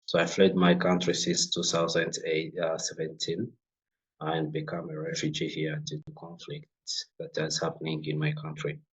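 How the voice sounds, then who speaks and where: Deep-voiced young Congolese man, halting. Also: poor audio. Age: young adult. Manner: halting, many fillers and restarts. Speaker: guest, refugee-led organization founder. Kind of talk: interview conversation.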